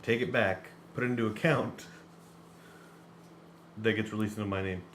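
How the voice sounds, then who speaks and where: Man, podcast co-host, low voice, deadpan banter, faint hiss behind. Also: moderate pace. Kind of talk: casual chat.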